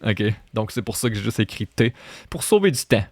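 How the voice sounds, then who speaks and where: A man's voice: lowish voice, very animated, fairly quick, no echo, studio quality. A man with a Québécois French accent, explaining his own rap lyrics line by line, repeating phrases and slipping into English. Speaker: French teacher and rapper.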